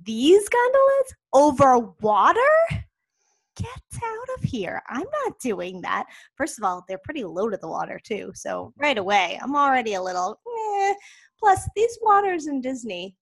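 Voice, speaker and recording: A woman co-hosting a podcast in casual chat, emphatic and quick to laugh. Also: on the high side, big pitch swings, vocal fry, husky. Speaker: podcast co-host.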